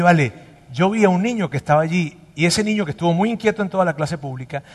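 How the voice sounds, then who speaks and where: A man preaching a sermon as pastor, emphatic and animated, dropping to a hush and then rising loud again. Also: high-pitched, long reverb tail.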